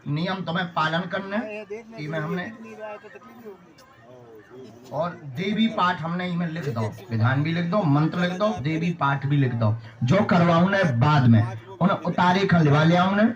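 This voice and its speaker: A man's voice: a little high, measured pace, muffled recording, a crowd in the background. A man acting as a spiritual guru, addressing devotees with short commands and rhythmic pronouncements. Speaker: spiritual guru holding court. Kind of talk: addressing devotees at a religious gathering.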